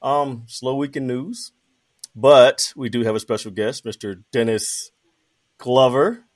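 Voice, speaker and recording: A man's voice: medium pitch, steady tone, takes it slowly. A man hosting a podcast in casual, informal talk full of slang. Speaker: podcast host. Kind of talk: casual chat.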